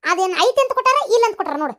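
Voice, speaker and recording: A woman voicing chatty village women in a comic cartoon, with a North Karnataka Kannada accent and a shrill, exclaiming manner. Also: animated, very fast, bright, forceful tone, exaggerated voice. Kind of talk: cartoon voice acting.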